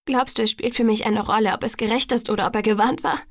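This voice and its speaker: A woman's voice: fairly even intonation, moderate pace, slightly rough, dry recording, studio quality. Woman playing a distraught young woman near tears. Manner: whispering, rising to shrill outbursts.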